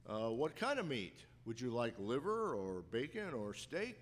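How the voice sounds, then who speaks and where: A preacher voicing a puzzled, coaxing butcher in an echoing hall. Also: male voice, medium pitch, very animated, a little slow, slight background noise. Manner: inquiring, coaxing a dog. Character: puzzled middle-aged male butcher. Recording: reverberant hall.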